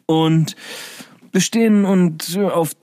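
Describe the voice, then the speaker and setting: A young man from Berlin, a podcast host telling stories in casual chat, animated and acting out quotes. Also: fairly high pitch, takes it slowly, no echo, studio quality. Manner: animated, acts out quotes with loud outbursts and laughs.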